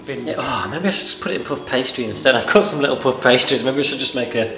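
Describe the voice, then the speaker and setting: A man's voice: mid-range voice, fast, roomy sound, dull audio, music in the background. A man in his thirties, tired, chatting rambly and self-mockingly with lots of ums while he cooks at home, filming himself on a handheld camera. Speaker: cooking vlogger. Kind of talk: casual vlog chat. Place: home kitchen at night. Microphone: handheld camera close to face.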